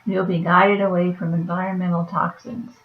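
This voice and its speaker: Her voice is lowish, level in tone and weak, trailing off as this oracle card reader speaks at a normal speed. She reads each card softly before adding an offhand comment, and the room-heavy lo-fi recording sounds dull.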